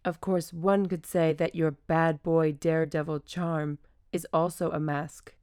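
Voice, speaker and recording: A woman voicing a kind, motherly female circus elephant who speaks gently and encouragingly. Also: deep voice, flat delivery, measured pace, clean tone, dry recording, clean studio sound.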